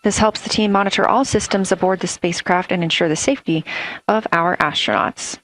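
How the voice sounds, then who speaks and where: A woman's voice: on the low side, brisk, fairly bright tone, rough recording. A woman giving composed, informative live commentary on a space mission as a broadcast commentator.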